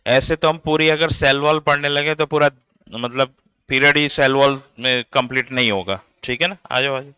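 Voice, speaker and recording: A man's voice: medium pitch, fairly even intonation, moderate pace, pushed and bright, clean tone, no room sound. A man, teaching biology in a classroom lecture, explaining step by step and checking in with his students. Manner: spells out words letter by letter.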